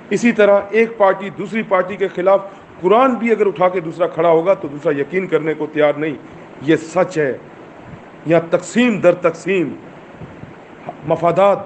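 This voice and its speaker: A man's voice: high voice, a little hiss or hum. A man with a Pakistani accent giving a fervent political speech, full of rhetorical questions, recorded while driving. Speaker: movement chairman.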